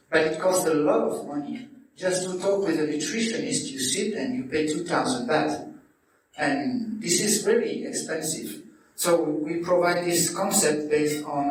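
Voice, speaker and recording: A man from Belgium with a French accent, a nutrition coach giving a friendly, halting talk to a club audience. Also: a little high, a little hiss or hum. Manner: friendly, hesitant, with many fillers. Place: hotel function room. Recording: echoey room, distant mic.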